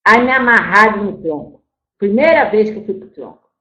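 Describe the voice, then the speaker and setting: A woman's voice: mid-range voice, lively intonation, normal speed, fairly bright tone, natural voice. A woman voicing the spirit of an old, once-enslaved grandmother. In a channeled spiritual talk, she scolds her listeners and calls them "my child". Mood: mournful telling. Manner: storytelling, repeats "my child", scolds then grieves. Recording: roomy echo.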